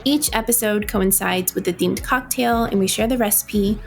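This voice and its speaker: A woman co-hosting a podcast, reading a guest introduction in a steady, scripted way. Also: medium pitch, moderate pace, vocal fry, faint music behind. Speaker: podcast co-host.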